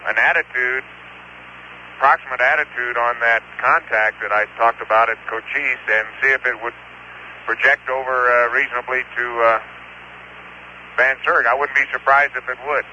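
Halting man on a hissy radio link. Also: medium pitch, steady tone, bright, forceful tone. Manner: halting and hesitant, many fillers and restarts. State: talking while eating. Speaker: field geologist reporting over radio. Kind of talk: live radio exchange, thinking aloud. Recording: muffled radio transmission with hiss.

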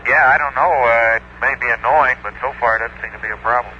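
A man's voice: mid-range voice, bright, forceful tone. Man on crackly space radio. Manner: brisk, matter-of-fact reports. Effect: crackly space radio transmission. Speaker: astronaut in orbit. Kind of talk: air-to-ground radio exchange. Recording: muffled, noisy archival space radio.

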